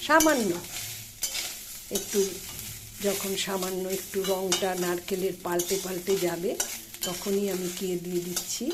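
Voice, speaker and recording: A woman hosts a casual cooking demonstration in her home kitchen, chatting through each step as she cooks. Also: fairly low pitch. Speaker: cooking channel host. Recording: loud kitchen frying noise. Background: sizzling frying and clattering pots.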